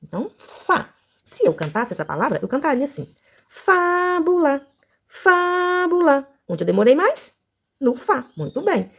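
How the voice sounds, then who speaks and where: A Brazilian woman teacher guiding young children through a lesson, stretching out words slowly and singing syllables. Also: a little high, wildly swooping pitch, creaky, slightly rough. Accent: Brazilian Portuguese. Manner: slow, sing-song syllables for children.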